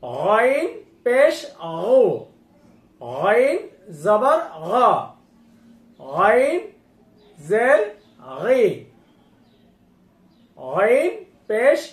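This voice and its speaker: Very slow woman drilling syllables. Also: a little high, very animated. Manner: slow, drawn-out, instructive recitation. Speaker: Quran reading teacher. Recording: echoey room.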